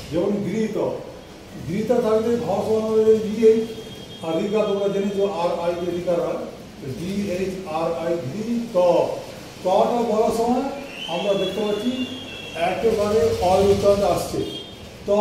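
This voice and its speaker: Here a man with a high voice teaches English from the board, taking his time and patiently confirming that students understand. He sounds mellow but far off, his words echoing around a very reverberant room over a faint hiss.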